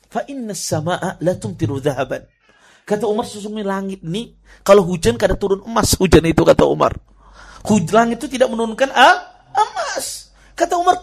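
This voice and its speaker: A man with a Banjar accent giving a sermon and answering audience questions as preacher, often repeating and restarting words and swinging from quiet to loud emphasis. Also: high voice, creaky, breathy edge.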